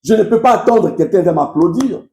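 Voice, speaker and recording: Speaking a little fast, this man has a high, animated, dark-toned voice, captured in dull, reverberant audio. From Kasai and a native Tshiluba speaker with a Congolese French accent, he addresses his followers head-on with passionate, emphatic political commentary full of repetition.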